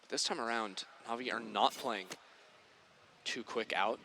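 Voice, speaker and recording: A man working as an esports caster, giving animated, emphatic analysis of the match. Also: mid-range voice, a little slow, rough recording. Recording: clear background noise.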